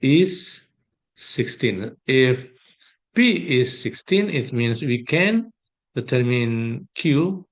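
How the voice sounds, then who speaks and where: A man working through an exam problem as a math tutor, thinking aloud with pauses and fillers. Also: medium pitch, expressive. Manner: slow, hesitant, thinking aloud while sketching. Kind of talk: exam solution walkthrough.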